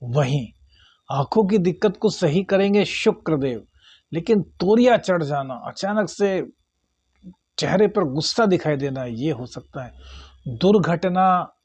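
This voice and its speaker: A man's voice: a little high, lively intonation, unhurried, darkish tone, slightly rough, no echo. A man, an astrologer giving a monthly horoscope talk and advising viewers earnestly, calling them brother.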